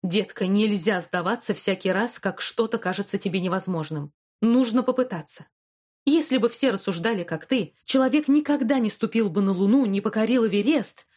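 A firm, loving old grandmother, stern when she scolds and gentle when she reassures, as a woman voices her in an audiobook. Her steady voice dips a little lower and softer in the tender moments. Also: moderate pace, natural voice. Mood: reassuring. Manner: warm but stern, reassuring. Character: caring, firm elderly grandmother. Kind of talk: audiobook character voice.

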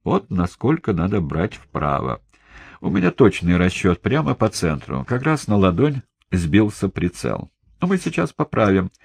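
Narrator guy doing a gruff big thug, drawls slow and mocking, husky and low. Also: huge pitch swings, no echo, exaggerated voice. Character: menacing burly male knife-throwing thug, mocking.

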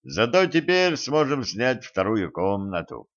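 A man's voice: mid-range voice, big pitch swings, a little slow. A man reading the lines of a battered male boxer, Koschei, with dry, curt wisecracks. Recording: dull lo-fi recording.

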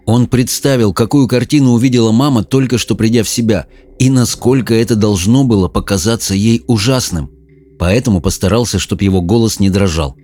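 A man narrating an audiobook in an expressive, dramatic storytelling manner. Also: fairly low pitch, fairly quick.

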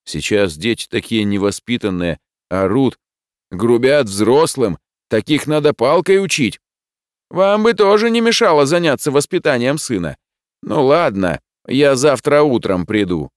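A man's voice: medium pitch, animated, unhurried, no echo, studio quality, pitched above the performer's own voice, natural voice. A man voicing a boastful, snide young man who lectures others about manners. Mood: sanctimonious. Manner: snide, fussy and sanctimonious. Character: boastful smug young man, a show-off liar. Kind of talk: audiobook character voice.

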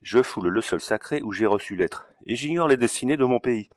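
A man's voice: medium pitch, expressive, fairly quick, no echo, clean studio sound, natural voice. A man voicing a fiery, grandiloquent young Napoleonic colonel in a declamatory storybook reading. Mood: solemn. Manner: declamatory, emphatic.

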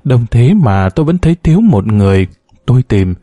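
A man's voice: mid-range voice, very animated, warm tone, dry recording. Man narrating a somber novel. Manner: somber, measured storytelling. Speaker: audiobook narrator.

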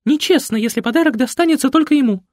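A male reader voicing Nikoletta, a vain, coquettish older mother who squeals and shrieks in a very high voice, in an audiobook. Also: quick pace, darkish tone, no echo, studio quality. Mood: demanding. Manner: high-pitched squealing, theatrical. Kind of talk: audiobook character voice.

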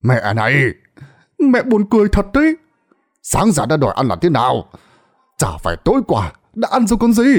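A man voicing a fat, drunken middle-aged son who scolds his mother loudly and impatiently. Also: medium pitch, sing-song, brisk, breathy edge.

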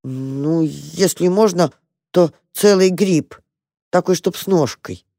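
A reader voicing a timid, kind little boy mouse who talks eagerly and gently in a storybook reading. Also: mid-range voice, sing-song, unhurried, no echo, clean studio sound, pitched above the performer's own voice. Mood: bashful.

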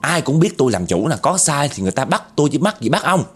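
A brash young man snapping back loud and fast in a retold story, put on by a male storyteller. The voice sits higher than the narrator's own, insolent and quarrelsome. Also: sing-song, husky, soft background music. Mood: shouting, insolent.

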